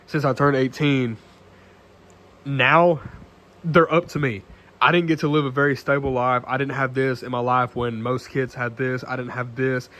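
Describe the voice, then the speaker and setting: A nineteen-year-old man talking casually to camera in an earnest, halting way, full of restarts and fillers, often clearing his throat. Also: medium pitch, fairly even intonation, a bit bright. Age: late teens. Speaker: vlogger.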